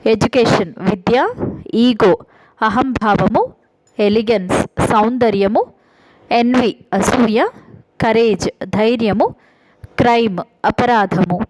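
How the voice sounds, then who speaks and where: A woman with a Telugu accent teaching a spoken English class. She explains in a quick, chatty way, then reads out a vocabulary list at a steady pace. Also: on the high side, rough recording. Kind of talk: vocabulary lesson, reading word lists.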